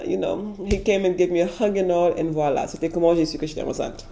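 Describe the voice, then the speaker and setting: Animated woman with a mellow voice. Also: fairly low pitch, a little fast, creaky, a little hiss or hum. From Senegal. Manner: animated, switching between French and English. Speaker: vlogger. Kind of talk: casual storytelling vlog.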